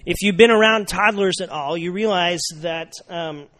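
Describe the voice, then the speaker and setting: A young man preaches in a relaxed, conversational sermon and keeps checking in with his listeners. His voice sits a little higher than most men's. He repeats his main points for emphasis and talks to the room like a friend. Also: moderate pace, slight background noise. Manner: conversational, repeats key phrases, asks the audience "right?". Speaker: pastor.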